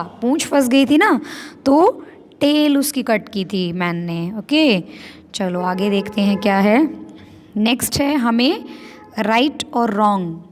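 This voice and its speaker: A woman's voice: on the high side, a little mellow, big-room sound. A woman with an Indian English accent teaching an online class, patiently asking questions and answering them herself.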